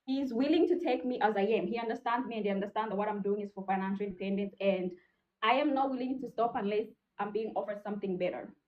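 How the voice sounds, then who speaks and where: A woman's voice: medium pitch, fast talker. A woman in her twenties from Rwanda, calling into a show and speaking hesitantly, with lots of fillers. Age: 20s. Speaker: caller. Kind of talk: casual call-in talk. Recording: dull call audio.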